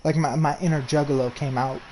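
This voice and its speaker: This twenty-something New Yorker brags crudely in a laid-back gaming voice chat, frequently starting over. His pitch runs highish and his intonation fairly even, and he talks a little fast with a warm tone. Recording quality is poor, and there's slight background noise.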